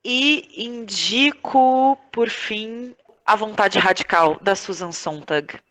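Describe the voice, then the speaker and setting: A crowd murmurs behind a woman with a Brazilian Portuguese accent who talks slowly in a mid-range voice. As a podcast guest who writes plays, acts and directs, she chats effusively and informally in a relaxed interview.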